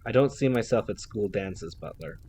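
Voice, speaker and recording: A man voicing an arrogant teenage genius who talks in a crisp, formal way. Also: fairly low pitch, normal speed, darkish tone, slight background noise, lightly acted. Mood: cool. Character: arrogant young teen male genius, cool and precise.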